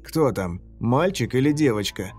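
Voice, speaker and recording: A man's voice: medium pitch, animated, normal speed, darkish tone, breathy edge. A man voicing a cruel, playful male killer who taunts his victims in a sneering, mocking way, with faint music behind. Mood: taunting.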